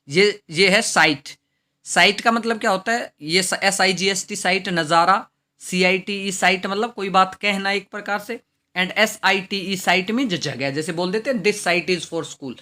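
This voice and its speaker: A man teaching English vocabulary with an Indian English accent. He spells words letter by letter, reads sentences out slowly, and asks questions that he then answers himself. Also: sits high, sharp tone. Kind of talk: classroom lesson explaining vocabulary.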